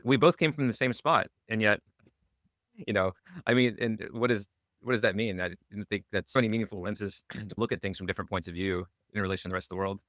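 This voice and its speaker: A man's voice: lowish voice, fast talker, fairly bright tone, no echo, clean studio sound. A man co-hosting a podcast, talking in a hesitant, rambling way with many fillers and restarts. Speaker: podcast co-host. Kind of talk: casual podcast conversation.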